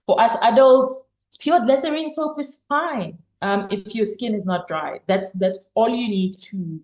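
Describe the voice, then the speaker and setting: A woman's voice: mid-range voice, darkish tone. Woman, health advice, chatty explainer, repeats herself for emphasis, roomy dull sound. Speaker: health guest expert. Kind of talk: casual health Q&A.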